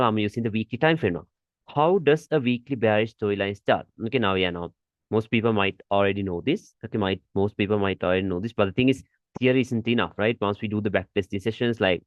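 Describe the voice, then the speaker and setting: A man's voice: fairly low pitch, no room sound, lo-fi sound. A man teaching a trading lesson over a shared screen, repeating his points and saying "okay" often, with firm warnings. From Malaysia.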